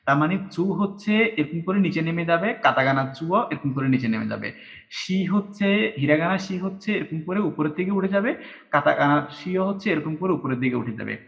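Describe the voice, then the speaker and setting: A man's voice: a little high, expressive, moderate pace, vocal fry, a bit bright. A man teaching a writing lesson at a patient pace, counting strokes aloud and spelling each syllable out. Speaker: Japanese teacher. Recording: dull lo-fi recording.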